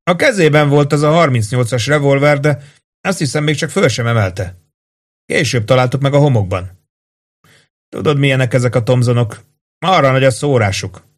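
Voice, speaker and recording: A man reading an audiobook voices a young male staff sergeant who speaks in a halting, agitated way. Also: medium pitch, voice pushed up, lightly acted. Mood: shaken.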